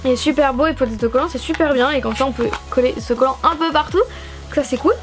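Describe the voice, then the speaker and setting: A woman's voice: high-pitched, quick pace, soft background music. A young woman from France chatting through a stationery box unboxing, gushing and enthusiastic, with frequent fillers. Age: young adult. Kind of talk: casual vlog unboxing.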